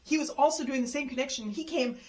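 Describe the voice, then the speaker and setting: Animated woman telling a story. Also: fast. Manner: animated, acts out quoted people with jumps in pitch; exasperated retelling of a travel mishap. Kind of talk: casual spoken storytelling.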